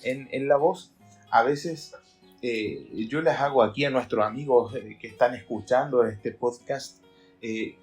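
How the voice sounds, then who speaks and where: A man's voice: medium pitch, darkish tone. A man, a pastor, talking earnestly in a Bible study podcast and explaining by acting out readings.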